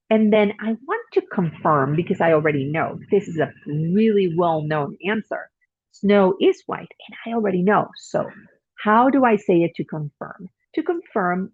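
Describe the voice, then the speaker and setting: A woman's voice: lowish voice, breathy edge, no echo. A woman teaching an English grammar lesson, explaining patiently and acting out her example sentences. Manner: explains patiently with spoken examples and self-corrections. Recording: tinny phone-like audio, dry.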